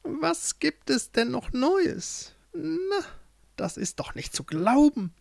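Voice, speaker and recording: A man's voice: high voice, vocal fry, no room sound, voice pushed up, full character voice. A man voicing a gleeful, spiteful old witch in a spoken fairy tale, mocking and gloating.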